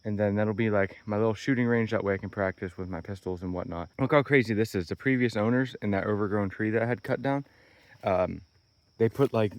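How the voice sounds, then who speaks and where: Guy vlogging outside on his phone, kinda low voice, tired and a bit hoarse, rambly and upbeat, dry sound. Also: no echo. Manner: rambling, upbeat, thinking aloud. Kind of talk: casual vlog walkthrough. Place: outdoors on wooded property.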